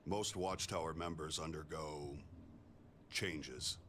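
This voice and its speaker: An actor playing a composed augmented male ex-soldier engineer in a video game, speaking in a measured, plainspoken way. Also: extremely low pitch, fairly bright tone, a little hiss or hum, exaggerated voice. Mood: calm. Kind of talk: video game character dialogue.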